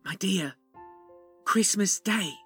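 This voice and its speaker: An actor playing a kindly, poor clerk and father in a dramatized story, gentle and placating. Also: high-pitched, slow, faint music behind. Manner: gentle, warm-hearted and placating. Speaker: Bob Cratchit.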